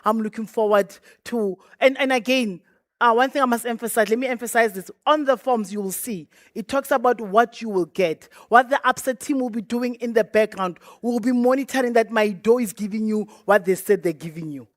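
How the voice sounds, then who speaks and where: A woman's voice: on the high side, fairly quick, no room sound, clean studio sound. A woman giving a closing speech at a launch event as a bank programme representative, earnest and chatty with repeated thanks and pleas. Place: event venue stage.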